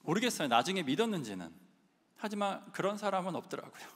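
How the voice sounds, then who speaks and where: A man preaching with a higher voice that swoops up and down as he tells stories from his own life. He keeps asking his listeners questions. His voice rings with the long echo of a big hall. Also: fast. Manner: lively, asks the audience questions, acts out his own past shouting. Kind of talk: sermon with personal storytelling. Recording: long reverb of a large hall.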